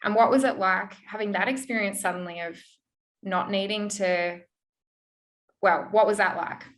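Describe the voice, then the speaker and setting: A woman hosts a webinar over a video call, her voice sitting at an ordinary middle pitch. She asks her questions gently and keeps things moving with soft, encouraging murmurs. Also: moderate pace. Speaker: webinar host. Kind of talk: hosting a webinar interview.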